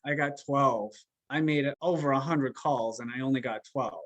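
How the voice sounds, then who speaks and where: A man, a coach and podcast guest, telling a story in an animated, emphatic way and acting out what people said. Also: medium pitch, moderate pace, lo-fi sound. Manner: animated, emphatic storyteller who acts out quotes. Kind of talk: conversational storytelling. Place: podcast interview.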